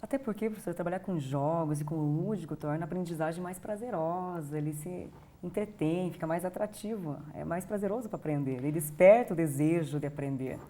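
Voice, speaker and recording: A woman's voice: on the low side, a little fast, warm tone. A woman hosting an interview, polite and formal with her guest. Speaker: TV program host.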